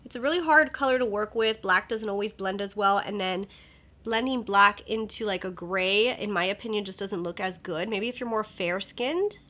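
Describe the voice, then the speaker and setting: Talking at a moderate pace in a mid-range, slightly nasal voice, the young woman walks through a makeup tutorial as a beauty vlogger. Her chat is casual and upbeat, now and then falling to a soft whisper.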